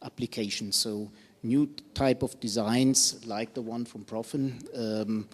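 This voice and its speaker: A man's voice: mid-range voice, fairly even intonation, slow, husky. Male panelist explaining, hall reverb. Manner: explanatory, hesitant with fillers. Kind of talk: technical panel discussion.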